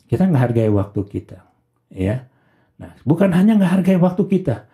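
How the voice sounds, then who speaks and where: A man's voice: a little high, sing-song, moderate pace, dark tone. A man, a pastor, preaching a conversational sermon to a congregation and often asking rhetorical questions.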